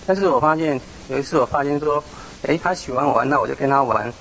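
A man, a parent, sharing a home story in a church small group, halting and reflective. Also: mid-range voice, a bit bright, a little hiss or hum, low-quality recording. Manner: halting, with many restarts and fillers.

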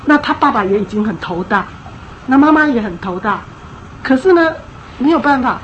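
A woman's voice: a little high, lively intonation, moderate pace, muffled recording, slight background noise. A woman giving an emphatic, conversational church talk on parenting, often acting out little scenes as she goes.

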